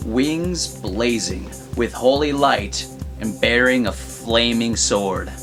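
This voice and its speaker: Man narrating a comic storybook reading, mid-pitched, music playing under him. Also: slow. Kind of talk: comic fan-fiction reading.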